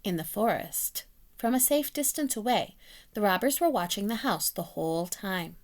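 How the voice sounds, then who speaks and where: A woman's voice: mid-range voice, animated, normal speed. A woman reading a children's picture book aloud, as a teacher telling the story with voiced animal sounds.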